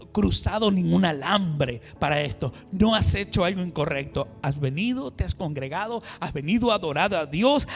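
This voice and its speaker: High-voiced preacher in a reverberant hall. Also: male voice. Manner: impassioned, swings between loud exhortation and hushed asides. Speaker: apostle preaching. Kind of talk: sermon. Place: church hall. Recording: music and long reverb of a hall.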